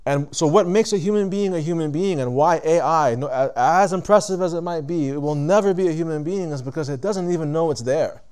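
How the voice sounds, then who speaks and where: A man's voice: on the high side, darkish tone, smooth. Man giving a conversational religious lecture. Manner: conversational, poses questions to listeners; deliberate, stops to rephrase. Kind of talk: reflective Islamic lecture to a live audience. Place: lecture room with audience.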